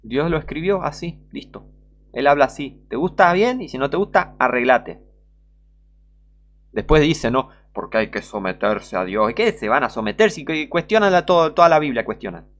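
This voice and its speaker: A man's voice: a little high, expressive, moderate pace. Emphatic scolding Rioplatense preacher man. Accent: Rioplatense Spanish. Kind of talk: online sermon.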